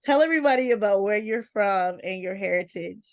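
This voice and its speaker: A woman's voice: medium pitch, lively intonation, fairly quick, no room sound, highs cut off. A woman from South Carolina hosting an interview, chatty and familiar, teasing her guest in a friendly way. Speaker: interviewer, magazine host. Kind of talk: casual interview chat.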